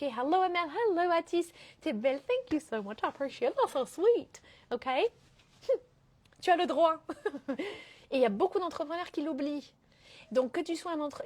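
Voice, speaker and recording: A woman's voice: high-pitched, a little mellow. A woman business coach talking on a live stream, emphatic and dropping English phrases into her speech. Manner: mixes English phrases into French; emphatic, keeps asking "ok?".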